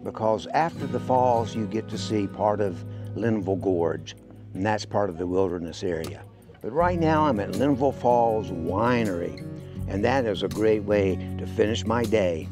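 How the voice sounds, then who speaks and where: This casual outdoor travel vlog is narrated by a hiker in his sixties who speaks plainly and folksily at a moderate pace. His fairly low voice has lively intonation, with music in the background.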